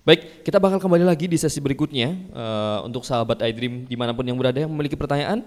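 A man's voice: mid-range voice, fast. A man hosting a live AM radio talk show in a conversational way. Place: studio with attendees present. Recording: long reverberant hall sound.

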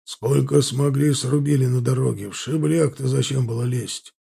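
A man reading a gruff, scolding officer. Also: medium pitch, steady tone, moderate pace, dark tone, heavily acted. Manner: grumbling reproach.

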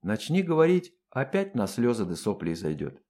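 A man reading an audiobook in an expressive, colloquial storytelling manner. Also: mid-range voice, normal speed. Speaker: audiobook narrator.

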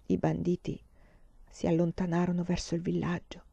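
Warm-voiced woman reading a sombre story. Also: on the low side, completely flat delivery, normal speed, vocal fry, husky, no room sound. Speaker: reader. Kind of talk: audiobook reading of a novel. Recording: dull, slightly lo-fi recording.

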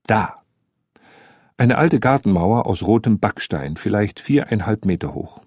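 A male narrator with a husky, somewhat low voice reads a story in a steady, measured way. He is recorded close on the mic in a dry, dead-sounding studio. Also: dry recording. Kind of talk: scripted narration.

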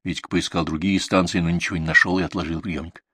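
A man narrating a short story in a measured audiobook reading. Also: sits low, flat delivery, pushed and bright, husky, no room sound, clean studio sound. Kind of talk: scripted narration.

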